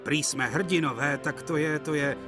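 A man's voice: a little high, music in the background, lightly acted. A man voicing a cheeky, teasing young male tank engine twin in a cartoon dub. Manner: teasing, giggly.

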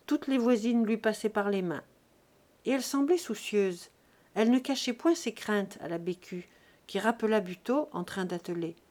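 A woman reading a classic novel aloud as an audiobook, with an expressive, measured delivery. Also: mid-range voice. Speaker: audiobook reader. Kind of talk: scripted narration.

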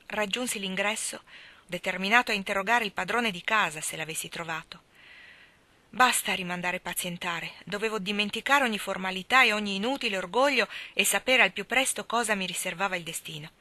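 A woman narrating a novel as an audiobook reader, with steady, even storytelling. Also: medium pitch, a little fast, no echo. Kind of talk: scripted narration.

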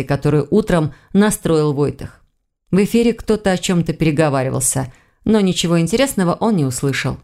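Woman reading an audiobook, lowish voice, calm steady pace. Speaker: audiobook narrator. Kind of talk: scripted narration.

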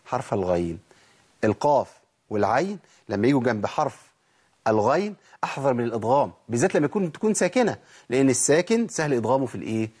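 A man with an Egyptian Arabic accent teaching Quran recitation, asking himself questions and answering them, and reciting examples slowly. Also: medium pitch, a little mellow, slightly rough. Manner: slow, drawn-out recitation for examples. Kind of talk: explanatory tajweed lesson.

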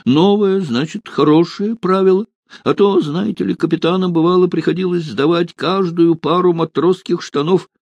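A man's voice: high voice, moderate pace, darkish tone, no echo, dull audio, voice pushed up. A man voicing a fussy middle-aged port official who talks anxiously and fawningly in an audiobook.

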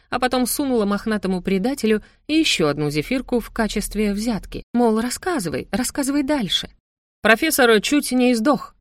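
A woman reading a comic fantasy novel aloud in the first person, with a lively, wry, embarrassed storytelling manner. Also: mid-range voice, dry recording, clean studio sound. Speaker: audiobook narrator. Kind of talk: first-person audiobook narration.

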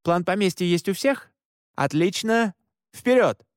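A man voicing a firm middle-aged woman who leads a band of hunters, speaking in brisk, clipped orders. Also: sits high, expressive, clean tone, dry recording, studio quality, voice pushed up. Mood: commanding.

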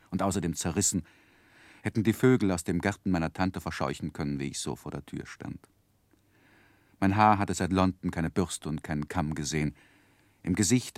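In a dry recording for a 1960s radio drama, an actor with a deep voice plays an earnest grown man. He narrates the memoir of his boyhood in a measured, reflective, literary style.

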